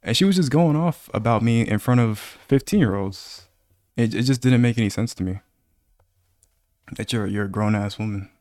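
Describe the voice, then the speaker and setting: Lowish guy on a podcast, dry sound, slangy storyteller who loves to tease. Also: normal speed, no echo. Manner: animated storyteller, mock-accusatory teasing, slangy. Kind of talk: casual chat.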